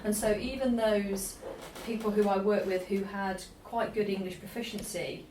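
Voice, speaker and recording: A woman's voice: mid-range voice, steady tone, normal speed, noisy background. Chatty woman, distant in a roomy room. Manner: chatty, storytelling explanations. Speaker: PhD researcher. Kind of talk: casual group discussion.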